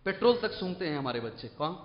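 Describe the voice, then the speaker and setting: A man's voice: fairly high pitch, very animated. A male Islamic scholar gives an emphatic Quran commentary lecture, often putting questions to the audience. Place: large mosque hall. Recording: long mosque reverb, dull lo-fi.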